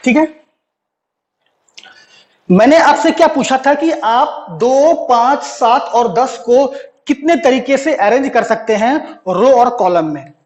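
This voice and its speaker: Young male maths teacher, high voice, unhurried, answers his own questions. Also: lively intonation, darkish tone. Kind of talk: classroom lecture.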